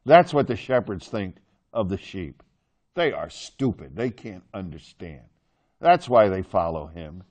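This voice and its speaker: A man's voice: sits low, very animated, unhurried, darkish tone. Joking, chatty male Bible teacher. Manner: chatty, joking with the class, asks questions. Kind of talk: classroom Bible lesson.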